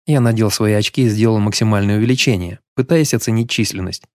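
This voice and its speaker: A man narrating a first-person audiobook story in a steady, even way. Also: fairly low pitch, quick pace, no room sound, clean studio sound.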